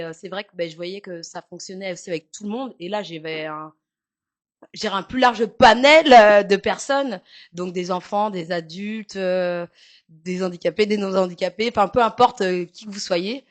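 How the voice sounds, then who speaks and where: This young woman speaks at a normal speed in a mid-range voice with a Parisian French accent. A massage therapist, she chats openly in a relaxed interview, peppered with fillers and jokes.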